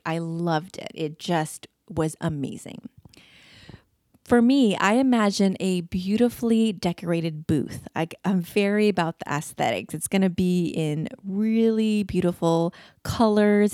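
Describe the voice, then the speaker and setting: A woman's voice: lowish voice, a little mellow, no echo, studio quality. A woman hosting a podcast, talking to listeners in a conversational storytelling way and asking them rhetorical questions. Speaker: podcast host. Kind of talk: casual solo talk.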